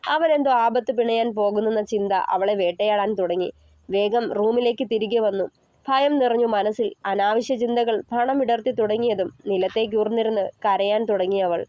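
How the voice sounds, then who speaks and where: A woman, the author, narrating her own audio novel in a steady dramatic storytelling manner. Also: medium pitch, moderate pace, no room sound, lo-fi sound.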